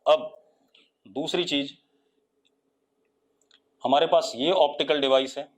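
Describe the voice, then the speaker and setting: Man, Indian accent, physics teacher, online class, coaxing, repeats questions, slow dictation. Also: fairly high pitch, steady tone. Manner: dictates slowly in English. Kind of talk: live online lecture.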